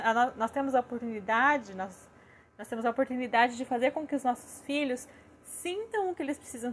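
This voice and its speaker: Gentle Brazilian woman, fairly high voice. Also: slight background noise. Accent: Brazilian Portuguese. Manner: gentle, explanatory, frequent "né?". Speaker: parenting educator. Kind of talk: casual live talk.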